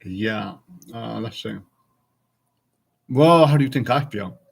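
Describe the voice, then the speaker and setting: A man's voice: mid-range voice, expressive, slow, creaky, breathy edge. A man of forty chatting casually and frankly with his stream viewers, rambling from thought to thought. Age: 40s.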